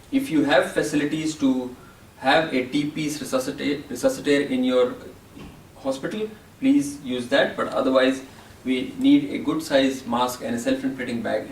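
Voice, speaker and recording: Gravelly guy teaching newborn resus step by step, kinda far from the mic, echoey room. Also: mid-range voice, a little hiss or hum. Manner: calm, step-by-step explaining. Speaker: medical educator. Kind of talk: teaching summary.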